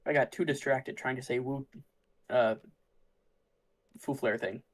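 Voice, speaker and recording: A man's voice: medium pitch, fairly even intonation, measured pace. A man casually commentating on a card game tournament, musing aloud about the plays as they happen. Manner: thinks aloud, musing and easygoing.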